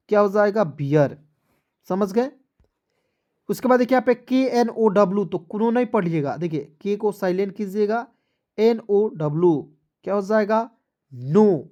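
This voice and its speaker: A man's voice: sits high, darkish tone. A man teaching English online, spelling each word letter by letter, asking how it is read, then answering and checking that viewers follow. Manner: repeats each word slowly. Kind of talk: spelling-out language lesson.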